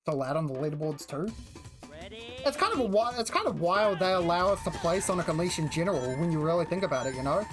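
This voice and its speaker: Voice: medium pitch, animated, quick pace. A game streamer of unclear sex with a broad New Zealand accent, chatting casually in a slangy, rambling way that often breaks off mid-thought. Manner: slangy, rambling, self-interrupting. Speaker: game livestreamer. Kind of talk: casual chat while gaming. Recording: music behind the voice. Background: music.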